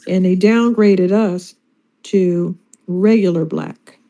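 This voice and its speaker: Female panelist, American accent, lowish pitch and notably mellow tone, explaining her opinion in plain statements. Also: fairly even intonation, takes it slowly. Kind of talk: casual opinion discussion.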